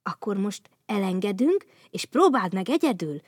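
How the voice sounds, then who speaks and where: Woman doing a sweet ladybird girl, storybook, gentle, dry close sound. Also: mid-range voice, sing-song, dry recording. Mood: encouraging. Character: kind caring little ladybird girl.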